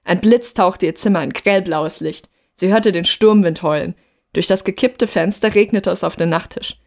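A woman narrating a story in a steady, measured reading voice. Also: lowish voice.

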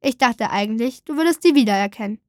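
A woman voicing a calm, soft-spoken male wooden creature in a storybook. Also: on the high side, quick pace, no echo, clean studio sound, natural voice.

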